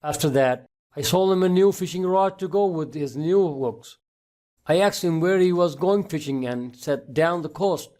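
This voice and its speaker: A man's voice: fairly high pitch, moderate pace, warm tone, natural voice. A man voicing a young small-town salesman who explains things matter-of-factly in a told story. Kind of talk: storytelling dialogue.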